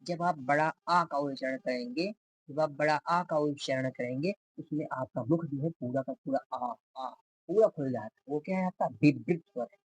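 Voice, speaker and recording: A man's voice: on the high side, normal speed. A male teacher giving a grammar lecture, repeating definitions and asking the class questions before answering them himself.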